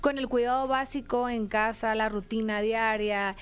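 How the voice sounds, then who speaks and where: A woman from Mexicali, a guest physician explaining things on a radio talk show in a brisk, upbeat way. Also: on the high side, steady tone, clear, resonant tone. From Mexicali, Baja California, Mexico.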